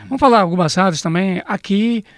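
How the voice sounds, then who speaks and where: Long-winded high-voiced radio host. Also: male voice, brisk, no room sound, clean studio sound. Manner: long-winded, many tag questions. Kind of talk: interview questions.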